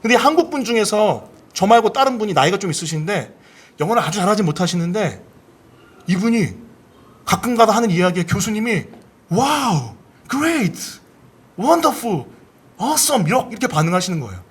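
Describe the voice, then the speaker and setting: Talking fast in a husky voice, a male pastor preaches animatedly during a church service. He dramatizes inner voices with large shifts in pitch and gets the congregation to echo key phrases back to him.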